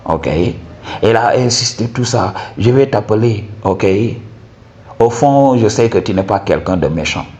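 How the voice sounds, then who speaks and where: A man's voice: on the low side, expressive, a little slow, a little mellow, lo-fi sound. A man hosting his channel, telling a story in a casual monologue, acting out both sides of an argument and dropping in English phrases. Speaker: channel host.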